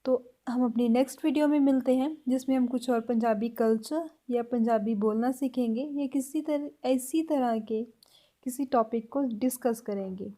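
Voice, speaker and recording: A woman's voice: on the high side, moderate pace, mellow. A woman teaching everyday phrases in a spoken language lesson, carefully repeating each example sentence.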